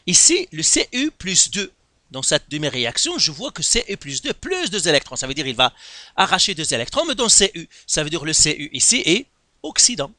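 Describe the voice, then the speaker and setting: A man's voice: on the high side, very animated, a little fast, bright, forceful tone, dry recording, clean studio sound. A man teaching a chemistry lesson in Quebec French, working through an exercise step by step and asking himself questions. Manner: explains step by step, with many rhetorical questions. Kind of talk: lesson explaining a worked exercise.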